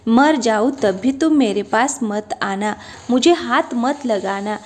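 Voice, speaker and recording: A woman's voice: on the high side, animated, slow pace, a little mellow. A woman doing a stubborn, scolding old mother-in-law. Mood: angry scolding. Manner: harsh, scolding.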